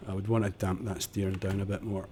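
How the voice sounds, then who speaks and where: A man's voice: deep voice, level tone, fast, dark tone, a little hiss or hum. A man streaming a building game, chatting and muttering casually as he works, on a desk microphone at home. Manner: chatty, muttering while building, self-deprecating. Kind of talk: casual live-stream tutorial commentary. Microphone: desk condenser microphone.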